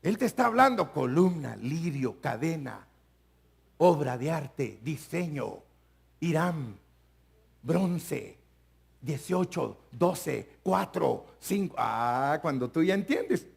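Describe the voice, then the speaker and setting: An older man preaching a live church sermon as pastor, animated, often calling out to his listeners as brother and at times breaking into shouts. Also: a little high, slow, creaky, husky. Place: church sanctuary.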